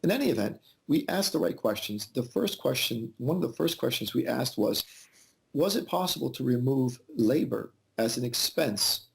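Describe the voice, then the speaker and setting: Man with a gravelly voice on a call. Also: mid-range voice, expressive, moderate pace. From Yugoslavia, raised in the United States. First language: Albanian. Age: 40s. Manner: thoughtful, with frequent fillers and restarts. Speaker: interview guest. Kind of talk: casual interview conversation. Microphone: video call.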